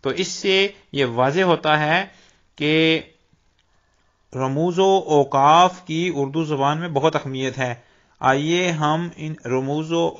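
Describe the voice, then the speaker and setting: A man giving a slow, deliberate grammar lesson, explaining terms and repeating examples. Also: on the high side, a bit bright. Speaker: Urdu teacher. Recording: dull lo-fi recording.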